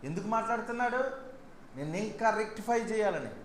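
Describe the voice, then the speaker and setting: A male pastor delivers a sermon in a high, ringing voice. He lurches from forceful outbursts to hushed, low asides. The room is echoey, with faint background noise. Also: lively intonation, fast talker. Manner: preaching in Telugu mixed with English lines, sudden swings between loud and soft.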